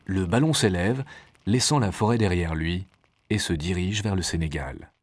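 A man narrating a storybook adventure in a measured, expressive reading. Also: low voice, husky, no room sound.

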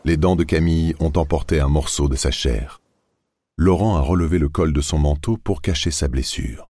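A man reading a novel aloud in steady, measured scripted narration. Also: very deep voice.

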